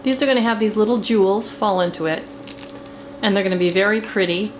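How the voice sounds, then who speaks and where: A woman's voice: mid-range voice, a little fast, lightly acted. A middle-aged woman playing a campy, glamorous housewife who hosts a chatty cooking demonstration with a theatrical drag-queen manner. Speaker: cooking show host. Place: home kitchen. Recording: clear background noise in kitchen.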